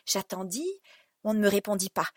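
A woman narrating literary prose as an audiobook, in an expressive, dramatic storytelling manner. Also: mid-range voice, normal speed, dry recording, studio quality.

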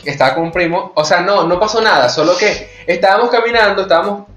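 In an echoey space with faint music, a man with a Venezuelan Spanish accent hosts a casual, frank chat, animatedly sharing his stories. His voice sits high, moves fast, and has a slightly bright edge.

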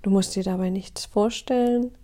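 A woman leading a guided meditation in a calm, soothing, breathy and husky voice, often close to a whisper, with deliberate pauses. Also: medium pitch.

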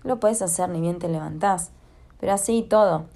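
A woman hosting a podcast, calmly guiding the listener through a spoken affirmation exercise and addressing her directly. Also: lowish voice, normal speed, vocal fry. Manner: calm, coaching, speaks directly to the listener. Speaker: podcast host.

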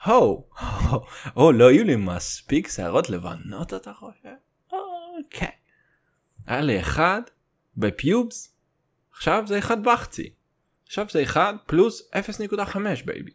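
Young guy w russian accent in hebrew, higher voice all over the place, crude joking solo rant, throws in english. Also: wildly swooping pitch. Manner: crude slangy joking, swears and drops in English. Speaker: solo host. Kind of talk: casual comedic rambling monologue.

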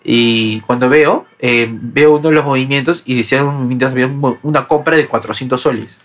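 A young man in his twenties with a Peruvian accent, telling a personal story in casual podcast chat, animated and full of restarts. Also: medium pitch. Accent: Peruvian Spanish. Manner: fast, animated anecdote-telling with many restarts. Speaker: podcast co-host.

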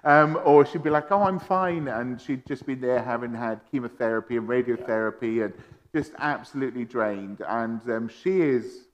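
A man's voice: mid-range voice, moderate pace. A man in his thirties hosting, friendly and chatty as he tells a family story. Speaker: host. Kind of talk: casual storytelling in a tribute.

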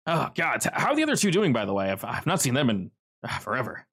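A man voicing an excitable young man who stammers and rushes through his words at a reunion. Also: medium pitch, slightly rough, exaggerated voice. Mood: relieved.

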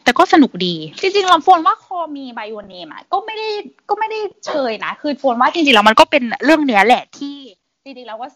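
A woman hosting a podcast in casual chat, chatty and lively. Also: sits high, fairly quick, few pauses. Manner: lively, chatty, refers to herself by nickname. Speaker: podcast host.

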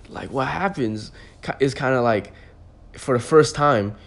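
A podcast host in his twenties tells a personal story loosely and ramblingly, packed with "like" and restarts. He speaks slowly in a creaky, mid-range voice.

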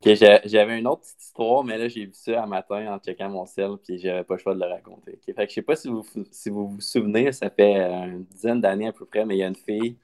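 A young man chats on a podcast. His voice sits low, and he tells stories in an animated, slangy way. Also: fast talker, few pauses. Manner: chatty, slangy, animated storytelling. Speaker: podcast co-host. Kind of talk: casual chat.

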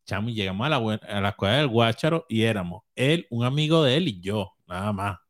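A man's voice: fairly low pitch, animated, brisk. A man with a Venezuelan accent, co-hosting a podcast, tells a childhood story in a rambling way, correcting himself and laughing at his own expense. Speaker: podcast co-host. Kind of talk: casual storytelling chat.

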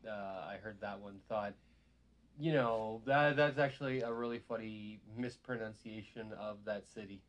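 A man's voice: on the low side, steady tone, moderate pace, dull audio. A man hosting a casual chat, talking in rambling, meandering sentences.

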